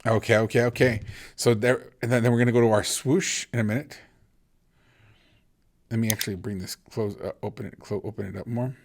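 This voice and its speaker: A man's voice: on the low side, fairly even intonation, fairly quick, creaky. A man teaching video editing in a casual, rambling way, thinking aloud and often restarting his sentences. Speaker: instructor. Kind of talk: screen-recorded video editing tutorial.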